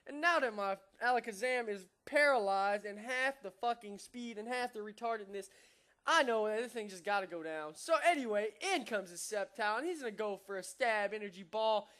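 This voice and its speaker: A man's voice: sits high, fairly quick, fairly bright tone. A young man casually narrating his own online game battle, laid-back, profane and self-mocking. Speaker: gaming YouTuber. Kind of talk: casual gameplay commentary.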